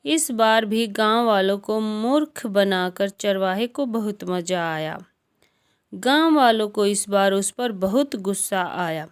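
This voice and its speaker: Woman storyteller, measured, unhurried, mid-range voice, children's moral tale. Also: mid-range voice, animated, clean tone. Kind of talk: storybook narration.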